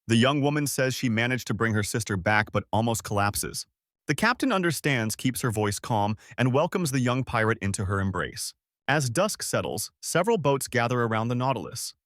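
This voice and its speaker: Man, scripted recap narration, animated pitch, dry close voice-over. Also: moderate pace, no echo.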